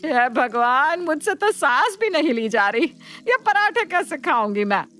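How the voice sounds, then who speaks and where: A woman's voice: sits high, very animated, a little slow, bright, forceful tone, full character voice. A woman voicing a middle-aged mother-in-law who complains dramatically and schemes in a cartoon. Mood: complaining. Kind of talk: cartoon voice acting.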